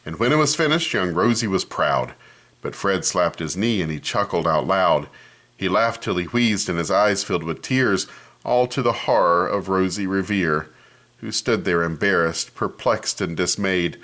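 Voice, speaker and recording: His deep voice moves at a moderate pace as he reads a picture book for children in a lively storytelling style. He pauses to comment on the pages as he goes.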